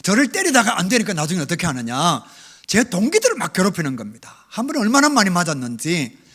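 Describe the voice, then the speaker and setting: A middle-aged male pastor preaching a revival sermon, telling his own story with big swings between loud and hushed. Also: sits high, huge pitch swings, fast talker. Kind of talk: revival sermon with personal testimony. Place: church sanctuary.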